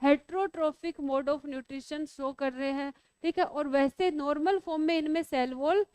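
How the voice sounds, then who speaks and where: High-voiced teasing biology teacher woman. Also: a little slow, a little mellow, no echo. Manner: teasing, scolding, asks students questions. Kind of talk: classroom lecture.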